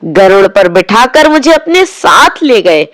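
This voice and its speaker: Woman as a bragging boy, slow and savoring it, lively voice. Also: medium pitch, no room sound, pitched below the performer's own voice. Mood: boastful. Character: boastful boy Suraj recounting his grand dream.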